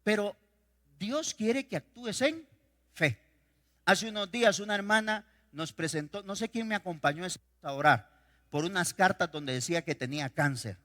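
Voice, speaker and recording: High bright-voiced male pastor preaching. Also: expressive, moderate pace. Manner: preaching with sudden swings between loud declarations and quiet storytelling. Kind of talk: sermon. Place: church sanctuary. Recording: reverberant church hall.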